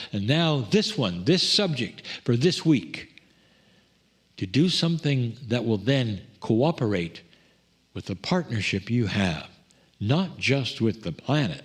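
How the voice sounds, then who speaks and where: A man speaking as a loving spirit entity in a channeled message, in a slow, tender, solemn way. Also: medium pitch, fairly bright tone, pitched above the performer's own voice.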